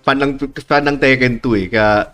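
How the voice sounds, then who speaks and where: A man's voice: mid-range voice, moderate pace, a bit bright, smooth, soft background music. Laughing Filipino man in casual chat. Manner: laughs often, loose and joking. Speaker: podcast co-host. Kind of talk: casual chat among friends.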